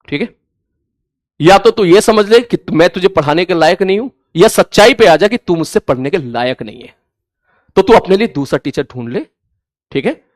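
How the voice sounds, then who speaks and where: Stern high-voiced man teacher. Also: no room sound, clean studio sound. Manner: stern, blunt, repeats himself for emphasis. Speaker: online physics teacher. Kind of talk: scolding lecture to an online class.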